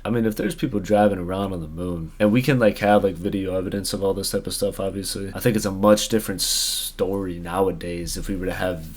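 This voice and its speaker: A man's voice: deep voice, darkish tone. A young man reacting to a video in a casual, rambling way, full of slang and fillers, tired late at night.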